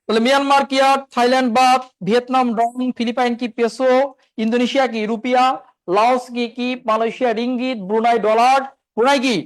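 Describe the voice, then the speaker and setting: A man's voice: very high-pitched, little pitch movement, fast. A male exam-prep teacher, lecturing and drilling the class by asking questions and answering them himself.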